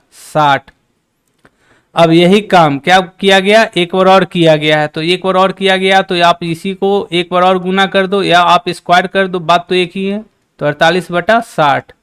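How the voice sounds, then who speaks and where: Male maths tutor, live-stream lesson, chatty, fairly high, smooth clear voice. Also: a bit bright. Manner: chatty teacher, reads out and teases chat. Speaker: maths teacher.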